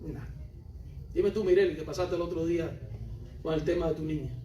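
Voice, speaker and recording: High-voiced preacher in a roomy hall. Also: male voice, steady tone, a little fast, warm tone, distant mic, highs cut off, slight background noise. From Cuba. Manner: emphatic and repetitive, questions the congregation directly. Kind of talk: sermon. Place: church hall.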